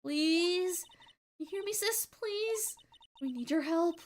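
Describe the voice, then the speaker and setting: A woman's voice: extremely high pitch, animated, slow pace, pitched above the performer's own voice, heavily acted. A woman voicing a worried young female assistant who speaks in a fretful, pleading way.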